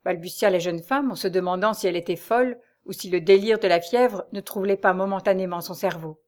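Une femme qui lit à voix posée un roman-feuilleton en livre audio. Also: female voice, mid-range voice, a little mellow. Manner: measured, literary storytelling. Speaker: narrator. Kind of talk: audiobook reading of a serial novel.

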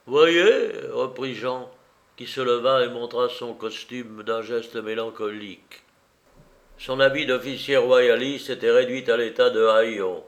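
A man reading a novel aloud as a narrator, measured and deliberate. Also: mid-range voice, fairly even intonation. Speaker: audiobook reader.

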